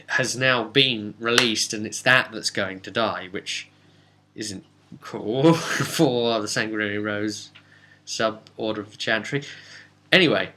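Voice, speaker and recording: A lowish-voiced man acting as a tabletop game master gives a casual, unscripted recap, rambling and animated, with hesitant asides.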